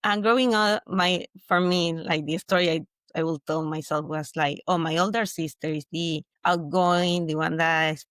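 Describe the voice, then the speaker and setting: A woman's voice: low voice, steady tone, normal speed, few pauses, a bit bright, no echo. Venezuelan woman guest, earnest and reflective. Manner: earnest, reflective, with frequent restarts. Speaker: mindset coach guest. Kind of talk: interview conversation.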